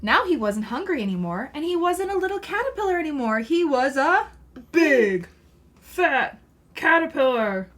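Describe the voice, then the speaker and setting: A woman reading a picture book aloud as a mother to her young child, expressive and pausing to prompt. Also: high voice.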